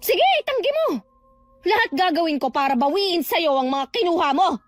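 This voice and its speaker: A woman's voice: extremely high pitch, animated, moderate pace, dry recording. An actress playing a young woman who was cheated out of her house and angrily confronts her family. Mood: furious. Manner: confrontational, shouting accusations. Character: wronged young woman who worked abroad, furious.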